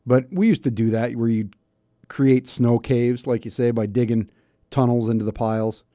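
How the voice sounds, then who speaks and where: A man's voice: mid-range voice, normal speed, mellow, dry recording, studio quality. A man hosting a radio show in casual banter, wry and mock-grumbling, often asking rhetorical questions. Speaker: radio talk show host.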